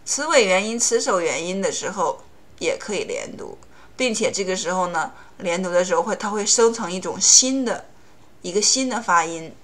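A woman teaching English pronunciation, explaining rules in Chinese and slowly repeating English example words. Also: medium pitch, expressive. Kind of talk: language lesson.

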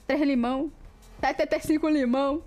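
High-voiced giggly Brazilian woman streamer. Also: a little mellow. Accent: Brazilian Portuguese. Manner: playful and giggly, greeting chat viewers by name; stumbles and laughs over tongue twisters. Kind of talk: casual live-stream chat.

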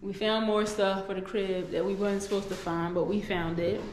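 A woman vlogging in casual chat, loud and profane, laughing often. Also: mid-range voice, level tone, normal speed, noisy background. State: out of breath.

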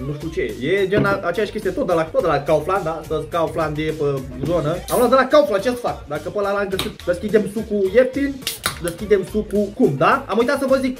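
A young man vlogs a food taste test from home, his voice pitched high as he jokes, exaggerates and talks straight to viewers. Soft music plays faintly underneath. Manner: joking, exaggerated, slangy, addresses viewers directly. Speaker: vlogger. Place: at home indoors.

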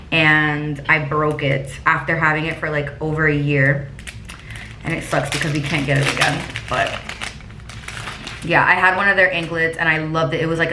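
Young woman with a lisping, whistled s. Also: low voice. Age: young adult. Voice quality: lisp with whistling s sounds. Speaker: vlogger. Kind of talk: casual chatty vlog. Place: rooms inside a house. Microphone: camera mic at about arm's length. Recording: echoey room with clear background noise.

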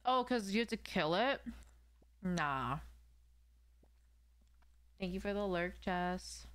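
A young woman live streams from a small room at home, speaking close into a desk mic on an arm. English isn't her first language, and she chats casually and slangily as she reads and answers viewers. Her mid-range voice is expressive, fairly bright and clean, and she takes it slowly.

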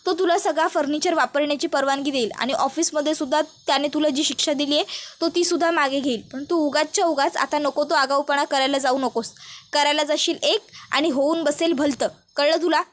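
A stern aunt lecturing her son with warnings, read by a woman storyteller. The voice stays high. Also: steady tone, fairly quick, close to an everyday voice. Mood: scolding. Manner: scolding, warning.

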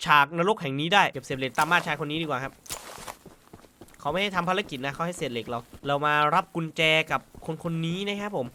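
Excitable high-voiced young gaming man. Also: fast talker, a little hiss or hum. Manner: excitable, yelps and shouts in panic. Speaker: gaming YouTuber. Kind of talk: let's-play commentary. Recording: game music behind.

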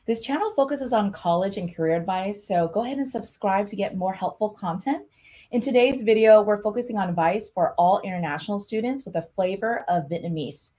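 A woman's voice: medium pitch, brisk, warm tone. A woman from California hosting an online advice panel, talking in an upbeat, friendly presenter manner. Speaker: host, college and career advisor. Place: home room with shelves. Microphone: webcam video call.

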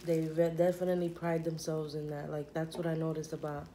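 A young woman vlogger with a deep, dark, monotone voice chats casually while eating on camera, talking fairly quickly with her mouth full. She rambles with lots of fillers, and there's slight background noise.

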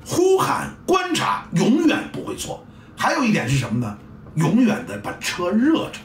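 A man's voice: high voice, wildly swooping pitch, moderate pace, slight background noise. A middle-aged man, a football coach giving a blunt, salty casual monologue and acting out sounds and scenes. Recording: roomy, distant mic, faint ambience.

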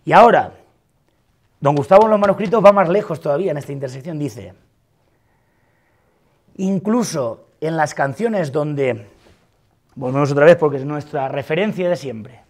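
A man's voice: on the high side, lively intonation, moderate pace, pauses often. A man giving a university lecture on philosophy of music, arguing emphatically and repeating words for stress. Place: large lecture hall.

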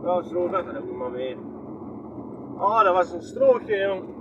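A man's voice: high voice, expressive, measured pace, lo-fi sound, noisy background. A man with a Groningen accent giving rambling, chatty running commentary from inside a moving vehicle, filming on a handheld phone and asking himself questions as he goes. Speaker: vlogger. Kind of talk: casual running commentary while driving.

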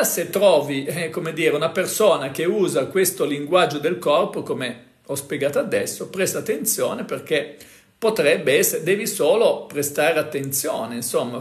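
A man's voice: a little high, roomy sound. A man hosting a casual talk, explaining things to viewers in a conversational way, full of fillers and tag questions. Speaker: host.

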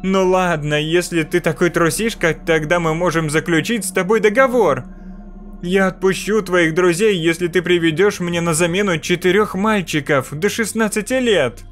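A man's voice: sits high, soft background music, voice pushed up, natural voice. Man putting on a menacing mirror spirit woman. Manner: slow, loud and menacing. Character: sinister female spirit in a mirror.

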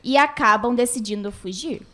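High-voiced woman narrating a radio soap. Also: moderate pace, over loud music.

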